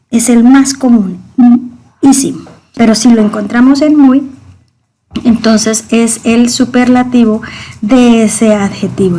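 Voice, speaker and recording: Female teacher, slightly high, mellow voice, slow deliberate delivery, repeats key words for students. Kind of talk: grammar lesson explanation.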